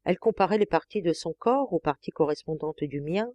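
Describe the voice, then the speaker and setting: A woman reads a first-person novel aloud in a measured, expressive way. Her pitch moves freely through each sentence. The recording is dry and close. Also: no room sound, lo-fi sound. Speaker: audiobook reader.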